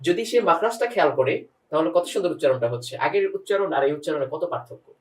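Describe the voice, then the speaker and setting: A man's voice: a little high, animated, very fast, recorded from a distance, low-quality recording. A man teaching Quran pronunciation one-on-one, patiently demonstrating single sounds and quizzing his student.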